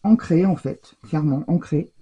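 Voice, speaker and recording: A woman's voice: low-pitched, moderate pace, dark tone, husky, highs cut off. A woman giving a casual scrapbooking tutorial at home, chatty and hesitant, with many fillers and stumbles over English product names. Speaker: scrapbooking crafter demonstrating.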